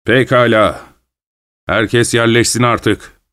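A man voicing a big burly man in overalls who calls a roll in a loud, commanding, businesslike way. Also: lowish voice, moderate pace, lightly acted. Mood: brisk.

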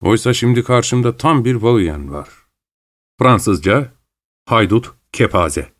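A man reading an audiobook, voicing an irritable, suspicious middle-aged gentleman who talks bluntly and sharply. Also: medium pitch, slow, lightly acted. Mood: irritated.

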